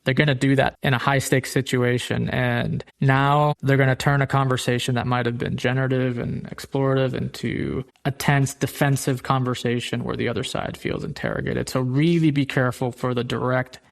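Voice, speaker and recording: Gravelly-voiced man hosting a business podcast. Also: medium pitch, level tone, normal speed, few pauses. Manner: conversational, explains with examples and restarts. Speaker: podcast host. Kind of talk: solo business podcast talk.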